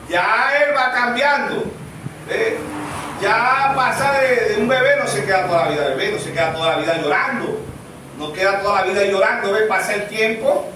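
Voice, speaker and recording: A man preaching a sermon as pastor, animated and full of rhetorical questions. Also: high voice, slight background noise. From Venezuela. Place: church sanctuary. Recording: echoey church room, mic far off.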